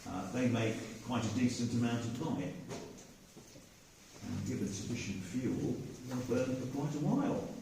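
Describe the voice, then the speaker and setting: A man's voice: lowish voice, background noise. A man acting as a tour guide, explaining things to visitors underground in a cave, heard with a cave echo. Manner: lively, explanatory, addresses the group directly. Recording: echoey cave from far off with faint ambience.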